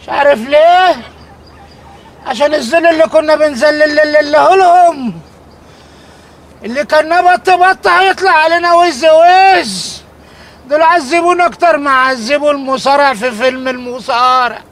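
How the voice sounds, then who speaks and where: A man's voice: very high voice, normal speed, fairly bright tone, a little hiss or hum. An actor playing a whining, complaining captive man in an Egyptian accent. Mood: whiny. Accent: Egyptian Arabic. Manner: whiny, complaining.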